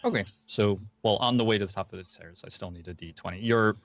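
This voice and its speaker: Low-voiced man running a tabletop game. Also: no echo, dull audio. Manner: hesitant, filler-heavy narration with slowed descriptive passages. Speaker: game master.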